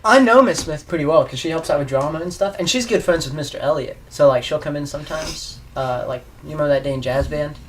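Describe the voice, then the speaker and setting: A man's voice: on the high side, fast talker, hardly any pauses, a little hiss or hum. A teenage man hosting a podcast, telling rambling stories in casual chat and laughing through them. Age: teens. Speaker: podcast host.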